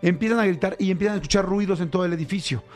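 Mexican radio host guy, talks fast, kinda high voice, acts out the noises. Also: faint music behind. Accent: Mexican Spanish. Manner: animated, acts out sounds and voices. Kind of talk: casual radio storytelling. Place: radio studio.

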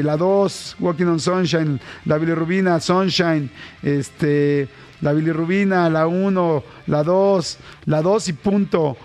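A man with a Mexican accent hosting a lively morning radio show, chatting excitedly and reading listener messages aloud in a radio studio. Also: a little high, creaky. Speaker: radio host.

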